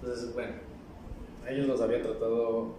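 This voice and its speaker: A young man chats as a podcast guest and tells stories with plenty of energy. He sits back from the mic in a very echoey room, and steady background noise runs under his voice. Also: mid-range voice, fairly quick. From Ecuador. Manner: lively storyteller, keeps saying "literally". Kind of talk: casual chat. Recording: roomy echo, distant mic, noisy.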